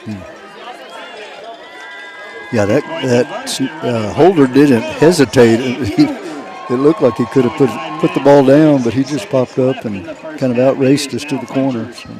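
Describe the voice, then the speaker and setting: A man giving relaxed, hesitant color commentary on a local high school football game. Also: measured pace. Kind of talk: casual radio color commentary. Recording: outdoor stadium with band music and crowd.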